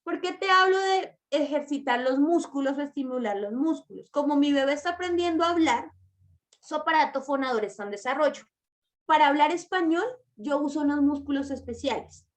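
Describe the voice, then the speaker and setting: A woman's voice: sits high, fairly quick. A woman giving an online masterclass lecture to mothers, explaining patiently and stressing key words, addressing the listener directly. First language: Spanish. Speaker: early-childhood language teacher.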